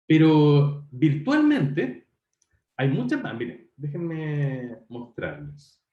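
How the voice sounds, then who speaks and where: Man, university lecturer, lively voice, echoey room. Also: on the high side, drawn-out words, narrow, tinny audio. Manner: conversational, self-correcting, addresses students directly. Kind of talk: online linguistics lecture.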